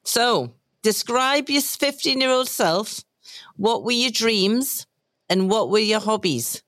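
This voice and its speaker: A woman's voice: fairly high pitch, animated, takes it slowly, a bit bright, no room sound, clean studio sound. A woman hosting a podcast interview, encouraging her guest with short affirmations and praise. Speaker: podcast host. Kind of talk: casual interview chat.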